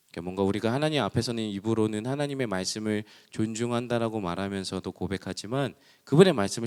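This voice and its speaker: Male pastor, 30s, animated sermon storyteller, echoing church hall. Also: mid-range voice. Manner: lively storyteller, acts out dialogue. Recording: long reverb of a church hall.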